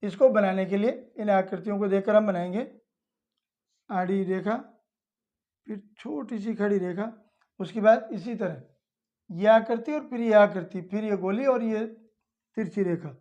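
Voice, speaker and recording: A woman speaks slowly and patiently, walking young children through a lesson one step at a time. Her voice is mellow and a little dark. The recording sounds dull and lo-fi. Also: medium pitch. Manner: patient, repeats each step plainly. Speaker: teacher.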